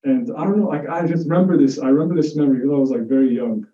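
Speaking fairly high and rapid-fire, this Jordanian man lectures on psychiatry in a loose, conversational style. He leans on personal stories to explain things and often starts his phrases over. The room is echoey, and a far-off mic makes the sound muffled.

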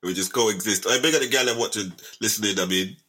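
Male podcast host, young, London roadman accent, deep and husky, slangy casual banter. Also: fast talker, pushed and bright. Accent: London roadman, multicultural street English.

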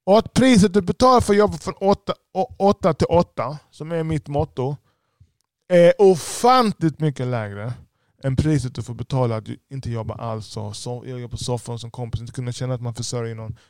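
A business owner with a lisp, giving a blunt, profane podcast monologue. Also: male voice, mid-range voice, no room sound, clean studio sound.

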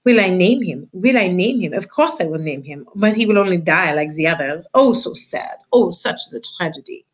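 A woman's voice: on the low side, lively intonation, normal speed, low-quality recording. A woman voicing a vain, dramatic mother mouse with a put-on French accent, sighing and theatrical. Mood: melodramatic.

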